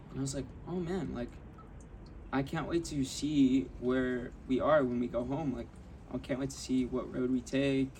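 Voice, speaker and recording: A man's voice: medium pitch, a little mellow. A young man hosting a podcast, telling a personal story in a candid, rambling way with many restarts and acted-out quotes. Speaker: podcast host. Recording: voice slightly off-mic with faint ambient noise.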